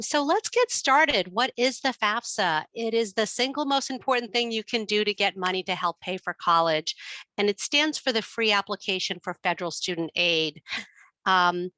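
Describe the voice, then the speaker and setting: Woman, New York accent, webinar presenter, steady explanations, frequent ums, bright voice, dry sound. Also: mid-range voice, no room sound. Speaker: financial aid presenter. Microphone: computer mic on a video call.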